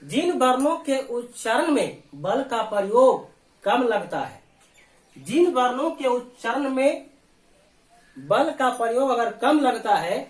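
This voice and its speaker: Slow roomy-voiced male teacher. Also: very high voice, sing-song. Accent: Bihari Hindi. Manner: slow, explains step by step, asks and answers own questions. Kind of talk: board exam lesson. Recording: roomy echo.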